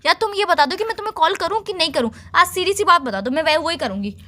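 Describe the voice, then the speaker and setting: A woman's voice: very high voice, expressive, fast talker, sharp tone. A young woman scolding her boyfriend in casual, argumentative banter. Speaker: girlfriend on a call.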